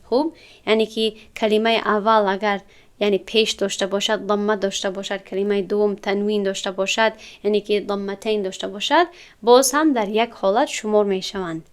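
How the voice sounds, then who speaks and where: A woman's voice: medium pitch, fairly even intonation, clean tone. A woman teaching Arabic grammar in a classroom, explaining step by step and asking her students questions. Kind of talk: classroom lesson.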